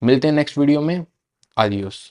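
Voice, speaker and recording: A man teaching a language lesson, slowly saying each letter two or three times in a clear, patient way. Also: fairly high pitch, animated, dark tone. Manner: repeats each letter slowly and clearly, mixing Hindi and English. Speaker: Spanish teacher.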